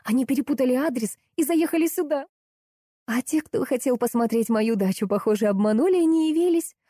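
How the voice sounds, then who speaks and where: A woman's voice: high-pitched, lively intonation, fairly quick, dark tone, no echo, studio quality, voice pushed up. A woman reading an audiobook, voicing a cheerful, boastful woman friend.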